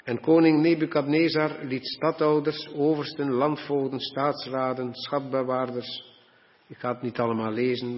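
A man preaches and reads scripture in an earnest, measured way, stretching out the words he wants to land. His voice sits at a mid pitch. The recording is dull and muffled, with a long hall reverb. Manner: earnest, slows down to stress words. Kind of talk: sermon with scripture reading.

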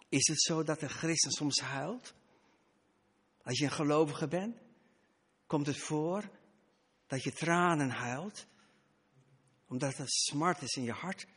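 A man's voice: on the high side, fairly bright tone, husky, in a large hall. A man preaching a sermon, emphatic, his voice rising and dropping for stress.

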